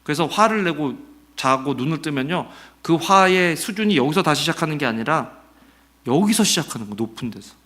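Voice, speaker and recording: A middle-aged man preaching a Sunday sermon as pastor, conversational and animated, asking the congregation questions and acting out quotes. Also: fairly high pitch, brisk.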